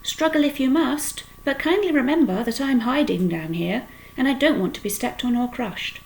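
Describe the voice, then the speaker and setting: A woman's voice: high voice, normal speed, vocal fry, pitched above the performer's own voice. A woman reading aloud and voicing a grumpy, selfish male rat who complains fussily. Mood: grumbling. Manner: complaining, fussy.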